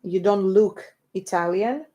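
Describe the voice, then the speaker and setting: A woman's voice: medium pitch, a little slow, dark tone, highs cut off. Bickering young woman. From England. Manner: bickering, swears casually. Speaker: band member co-hosting a stream. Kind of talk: casual banter.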